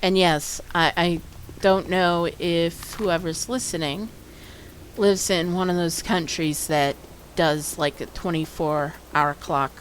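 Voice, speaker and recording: Chatting while she streams gameplay, this US woman sounds wry, rambling and talkative, her fairly low voice slow and even. There's a little hiss or hum on the recording.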